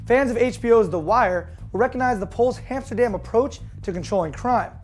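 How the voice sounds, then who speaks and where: A hoarse woman hosting a daily car news show, reading scripted news with jokey deadpan asides. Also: a little high, a little fast, faint music behind. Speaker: host.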